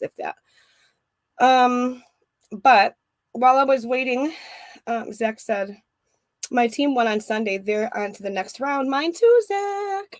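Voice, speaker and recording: A woman's voice: fairly high pitch, no room sound. Chatty woman greeting her livestream viewers. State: out of breath. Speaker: host of a crochet livestream. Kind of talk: casual livestream chat. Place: home craft room.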